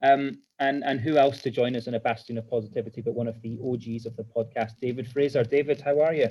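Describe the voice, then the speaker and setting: A man's voice: medium pitch, steady tone, quick pace, dull audio. A man hosting a live fan podcast in a chatty, self-deprecating way. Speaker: podcast host.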